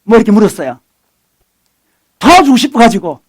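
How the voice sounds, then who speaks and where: A middle-aged man preaching a sermon as a pastor, conversational and animated, swinging between loud bursts and soft asides. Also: sits high, fairly quick, slightly rough. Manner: acts out dialogue with his son.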